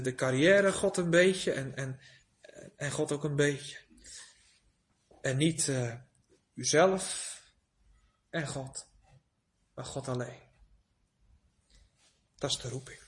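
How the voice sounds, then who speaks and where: A man preaching a sermon, swinging from soft, low asides to loud, emphatic pleading. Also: a little hiss or hum. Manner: rises to loud emphatic pleading, drops to soft near-whisper.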